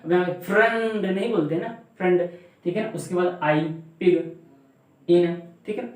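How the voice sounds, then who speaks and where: A man's voice: high voice, a little mellow. A man teaching a class, repeating example words and asking the learners questions back. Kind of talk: classroom grammar lesson. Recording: very echoey room.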